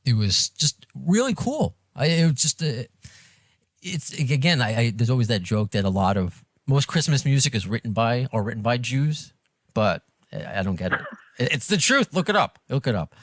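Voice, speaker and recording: A New York man, from Long Island and Brooklyn, hosts a podcast in a casual interview chat, rambling and poking fun at himself. His mid-range voice swings widely in pitch at a normal speed, recorded with clean studio sound and no echo.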